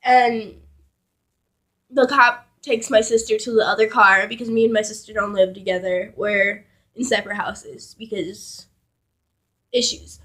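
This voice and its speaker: A woman's voice: medium pitch, fairly even intonation, unhurried, a bit bright. A young woman vlogger telling a rambling story in a casual, profanity-heavy way, with laughing asides.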